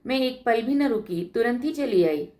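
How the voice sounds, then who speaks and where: A woman voicing Padmini, a lively young woman. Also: on the high side, normal speed, voice pushed up, lightly acted. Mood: affectionate. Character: young college-educated village woman, affectionate.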